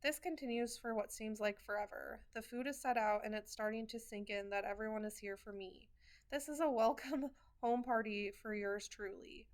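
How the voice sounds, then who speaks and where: A woman with a fairly high voice reads a first-person storybook chapter aloud. Her delivery is earnest, with wry asides and the odd small restart along the way. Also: steady tone, normal speed. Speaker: reader of a novel.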